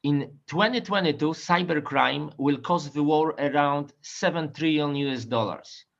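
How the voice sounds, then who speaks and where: Bank security guy on a panel, bit of a high voice, kinda muffled lo-fi sound. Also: gravelly, fairly bright tone. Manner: measured, with occasional restarts. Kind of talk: panel talk. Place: conference stage.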